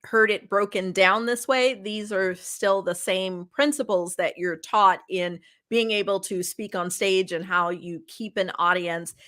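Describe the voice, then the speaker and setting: A woman's voice: mid-range voice, steady tone, a little slow, hardly any pauses, fairly bright tone. A woman hosting an interview podcast, talking in a chatty way and thinking aloud as she builds her questions. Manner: chatty, many "you know" fillers, thinks aloud. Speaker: podcast host.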